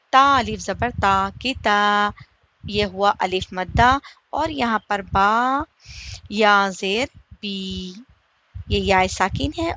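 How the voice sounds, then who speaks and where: A woman teaching a slow recitation lesson. She asks her listeners questions, answers them herself, and stretches the example vowels out slowly. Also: mid-range voice, fairly bright tone, a little hiss or hum. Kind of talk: slow step-by-step tajweed lesson.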